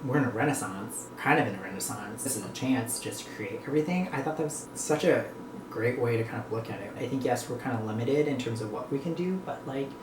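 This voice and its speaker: Speaking fast in a mid-range voice, a North American vlogger eats and rambles to viewers in a casual, reflective chat. The room is echoey, and background noise is clearly audible.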